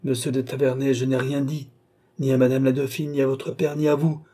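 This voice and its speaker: A man reading an audiobook, voicing a composed doctor who speaks in a calm, measured and gentle way. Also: mid-range voice, natural voice. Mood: grave. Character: grave, composed male doctor.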